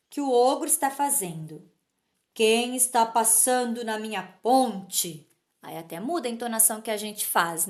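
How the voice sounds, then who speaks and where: Slow, patient woman teacher. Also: fairly high pitch. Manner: patient, explanatory, asks questions and checks understanding. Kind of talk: online literacy lesson.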